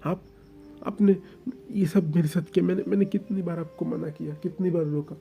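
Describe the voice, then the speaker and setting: A man's voice: high-pitched, fairly even intonation, normal speed, creaky, dark tone, voice pushed up. A man voicing a hurt young man who cries and stammers as he pleads to be let go. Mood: sobbing. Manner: stammering, tearful, repeats words. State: crying.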